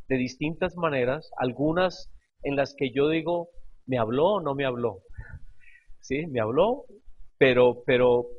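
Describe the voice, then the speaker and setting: A pastor preaching a sermon, telling stories expressively and repeating phrases for emphasis. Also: male voice, mid-range voice, phone-quality sound. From Colombia.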